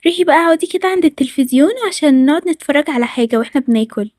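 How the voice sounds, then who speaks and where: A woman with an Egyptian accent voicing a brisk, friendly girl who hosts her friend, in a cartoon story. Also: sits high, darkish tone, no echo, clean studio sound, close to an everyday voice. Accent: Egyptian Arabic. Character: cheerful girl friend Tara, host of the visit.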